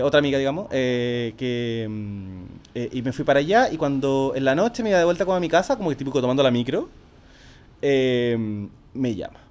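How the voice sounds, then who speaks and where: A young man with a Chilean accent, telling a personal story in casual, slangy chat and acting out quoted speech. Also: mid-range voice. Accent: Chilean Spanish.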